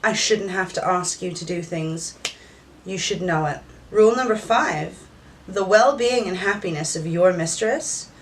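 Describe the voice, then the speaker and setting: A woman speaking to the viewer as a dominatrix in a scripted monologue, commanding, stern and scornful, sometimes slowing down to stress each word. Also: fairly low pitch, slight background noise. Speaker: dominatrix content creator.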